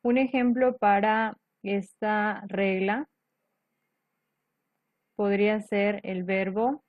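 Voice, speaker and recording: A woman's voice: medium pitch, fairly even intonation, drawn-out words, dry recording. A woman teacher explaining grammar rules step by step, patiently checking in with her students. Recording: dull lo-fi dry recording.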